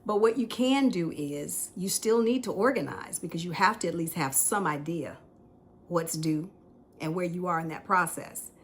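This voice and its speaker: A woman's voice: fairly low pitch, moderate pace. A middle-aged woman hosting a casual chat show, talking candidly and laughing at herself often. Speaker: podcast host. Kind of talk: casual tea-time chat.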